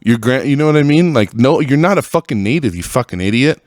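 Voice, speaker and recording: A man's voice: mid-range voice, animated, quick pace, darkish tone, dry recording, clean studio sound. A man from the Bay Area hosting his own podcast, ranting with heavy profanity and exasperation. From California, Bay Area. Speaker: podcast host. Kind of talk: solo podcast rant.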